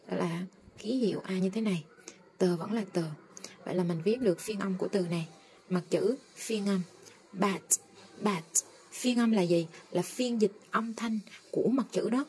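A woman teaching English phonics, slowly drawing out and repeating each sound as she models it. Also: medium pitch, mellow, a little hiss or hum. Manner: slow, drawn-out modeling of sounds. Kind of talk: phonics lesson.

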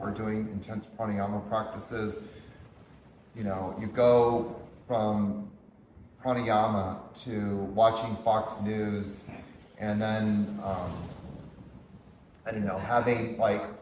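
A man with a fairly low voice leads a workshop-style yoga lecture. He explains things gently and unhurriedly, often chuckling as he goes. The room around him is echoey, with a faint hum in the background. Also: far from the mic. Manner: gentle, unhurried teaching talk with frequent chuckles. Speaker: yoga teacher. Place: teaching hall at a yoga retreat center.

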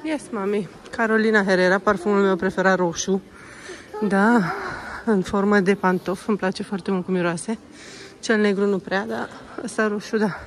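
A Romanian woman in her thirties vlogging casually while walking through a shopping mall, chatting to the camera and gently coaxing her small child, slipping into English phrases. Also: mid-range voice, fairly even intonation, background noise. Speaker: vlogger and mother.

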